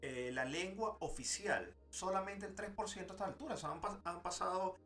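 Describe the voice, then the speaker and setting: An eager co-host in a relaxed podcast, asking questions and sometimes rushing ahead. Soft music plays faintly underneath. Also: mid-range voice. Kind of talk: casual podcast chat.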